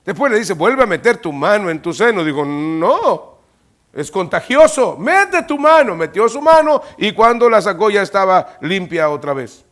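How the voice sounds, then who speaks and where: A pastor preaching a sermon in a church, animatedly acting out Bible dialogue with loud rising peaks. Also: male voice, high-pitched, big pitch swings, normal speed.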